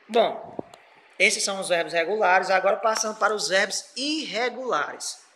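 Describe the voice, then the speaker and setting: A man's voice: sits high, pushed and bright, slight background noise, low-quality recording. A man with a Brazilian Portuguese accent, explaining grammar rules as a teacher and checking in with his students often. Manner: patient, checks in with "certo?" often. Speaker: English teacher.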